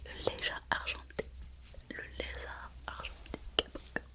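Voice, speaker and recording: A woman playing a mystical fortune teller in a whispered role-play, repeating her phrases as she reassures the listener. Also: natural voice. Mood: insistent, reassuring. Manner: slow, repetitive fortune-teller delivery, addressing the listener. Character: mystical female fortune teller reading horoscopes, mysterious and reassuring.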